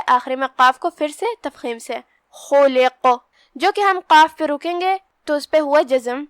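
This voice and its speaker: High-voiced woman teaching Quran recitation. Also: pushed and bright, dry recording, clean studio sound. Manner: slow measured recitation between plain explanations. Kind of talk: tajweed lesson.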